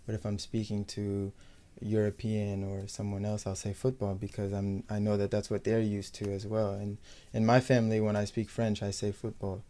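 Being interviewed casually, a young American pro footballer gives measured, matter-of-fact answers. His voice stays fairly low with little pitch movement, and his tone is soft and mellow.

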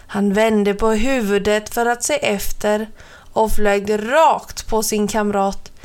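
A woman's voice: mid-range voice, fairly even intonation, darkish tone, clear, resonant tone. Woman reading a children's story. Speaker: narrator.

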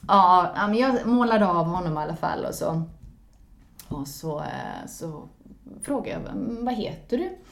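A woman in casual spoken storytelling who laughs often and swings into lively exclamations. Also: fairly low pitch, gravelly. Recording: roomy echo.

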